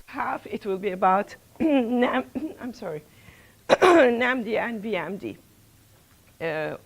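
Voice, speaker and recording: A woman's voice: medium pitch, creaky, slightly rough, rough recording. A middle-aged woman, a research center's principal investigator, opening a workshop lecture in a lecture room, hesitant with many fillers and restarts.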